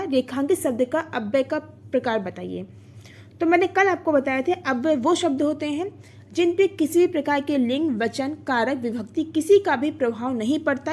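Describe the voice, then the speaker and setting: A woman with a high voice runs an online exam-prep grammar class. She explains step by step, poses questions and answers them herself, and sounds out vowels and syllables for her students. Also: darkish tone. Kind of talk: online Hindi grammar lesson.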